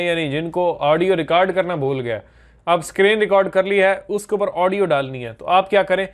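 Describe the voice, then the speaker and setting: Man giving a casual software tutorial. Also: high-pitched. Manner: step-by-step explaining, casually mixing in English terms. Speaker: video editing instructor. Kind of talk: screen-recorded software tutorial.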